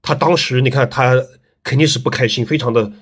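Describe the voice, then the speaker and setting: A middle-aged man, a landscape design teacher, telling stories in a relaxed interview with lots of fillers and tag questions. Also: mid-range voice, brisk, slightly rough. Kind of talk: casual interview storytelling.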